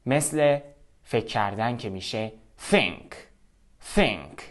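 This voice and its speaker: A man's voice: fairly low pitch, animated, heavy background noise. A man with a Persian accent explaining English pronunciation step by step and repeating each sound. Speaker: pronunciation teacher.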